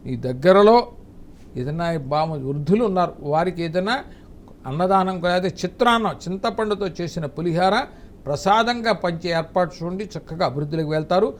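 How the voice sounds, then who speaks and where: A middle-aged man, an astrologer, giving fatherly advice to callers on a call-in show. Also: high voice. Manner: fatherly, calls callers dear, recites hymns.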